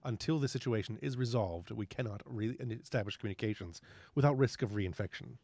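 A man voicing a calm female computer core AI in a tabletop game, with flat, clipped machine phrasing. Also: fairly low pitch, brisk, no echo. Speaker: game master.

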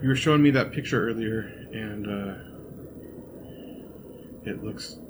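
A man in a relaxed casual chat, joking and trailing off mid-sentence. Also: fairly low pitch, unhurried, heavy background noise. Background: background music.

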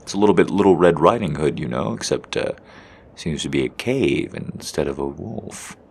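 A friendly stranger, played by a man, talks warmly and reassuringly in a very deep, slightly gravelly voice. He is chatty and cheerful, like a helpful passerby, in an audio roleplay. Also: animated, normal speed, heavily acted.

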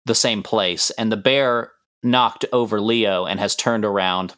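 A man with a lowish voice works as game master. He narrates the tabletop action casually, in plain conversational phrases. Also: measured pace, fairly bright tone.

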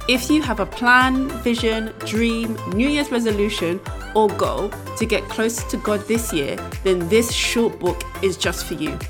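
A woman hosting a podcast, talking casually with a friend and often searching for her words. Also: medium pitch. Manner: chatty, searches for words with fillers and quick apologies. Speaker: podcast host.

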